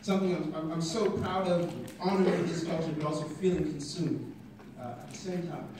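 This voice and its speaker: A young man performing spoken word poetry at a stand mic in a classroom, building from quiet intensity to shouting, filmed from the audience. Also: on the high side, steady tone, brisk, a little hiss or hum. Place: classroom at a conference, indoors. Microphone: stand mic, filmed by a phone from the audience. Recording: echoey room from far off.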